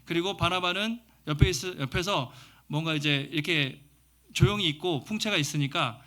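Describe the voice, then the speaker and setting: A male pastor preaching a sermon in church, telling the story lively with sound words and imitated voices. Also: a little high, moderate pace. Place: church sanctuary.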